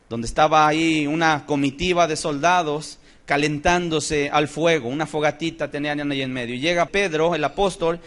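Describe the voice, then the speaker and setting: A man with a slightly high voice preaches a Bible-study sermon with passion, swinging between soft and loud and posing rhetorical questions.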